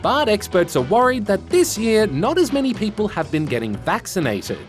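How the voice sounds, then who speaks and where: A man's voice: sits high, wildly swooping pitch, normal speed, soft background music. A man with an Australian accent presenting scripted educational news for children in a playful, explanatory way.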